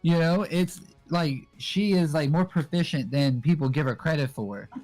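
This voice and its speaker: A young man guesting on a casual anime discussion, explaining in a relaxed way with lots of fillers. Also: on the high side, moderate pace, soft background music. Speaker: guest co-host.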